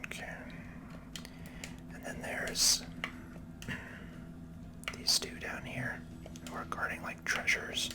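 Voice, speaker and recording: Musing quietly as the game goes on, this ASMR commentator never rises above a breathy whisper. The video game player keeps things relaxed, casual, and slow-paced.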